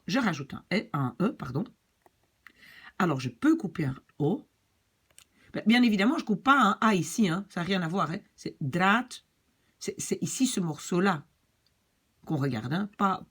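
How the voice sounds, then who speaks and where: A woman's voice: fairly low pitch, breathy edge. A woman teaching Dutch spelling as a language lesson, explaining rules step by step and often checking that her listeners follow.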